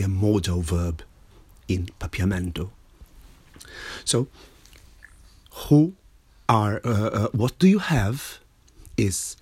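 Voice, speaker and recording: A man teaching a language lesson, patiently repeating each word slowly and stressing its syllables. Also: mid-range voice, a little mellow, husky, dry recording. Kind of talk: slow spoken language lesson.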